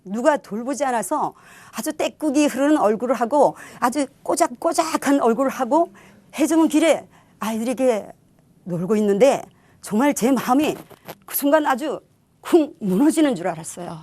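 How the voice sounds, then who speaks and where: A woman's voice: high voice, animated, normal speed, a little mellow. Earnest middle-aged woman giving a testimony. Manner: earnest, reflective storytelling. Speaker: testimony speaker. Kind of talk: church testimony.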